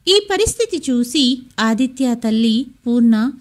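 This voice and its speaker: A woman narrating a scripted story in a steady, measured way. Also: on the high side.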